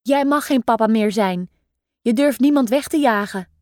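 A woman's voice: on the high side, moderate pace, darkish tone, dry recording, studio quality, natural voice. A woman voicing a bold, bossy little girl who plays a mother gull and gives urgent, commanding orders. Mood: scolding.

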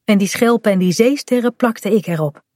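A woman's voice: mid-range voice, brisk, dry recording, clean studio sound, natural voice. A woman reading a storybook aloud, voicing a playful, bossy young girl who plays a pirate captain. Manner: lively, bossy play-acting.

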